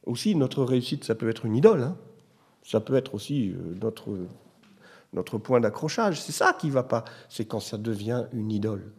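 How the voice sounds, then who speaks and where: A man's voice: mid-range voice, expressive, moderate pace, a little mellow, husky. A middle-aged man preaching a sermon in a conversational way, telling personal stories and rising to emphatic bursts. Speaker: pastor.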